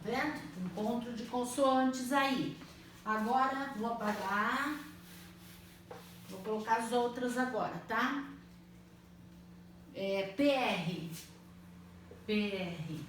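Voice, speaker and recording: A woman teaching a primary school language lesson, spelling out words slowly and patiently, often checking that the children follow. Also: on the high side. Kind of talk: slow, clearly spelled-out online lesson. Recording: echoey room, mic at a distance, faint noise.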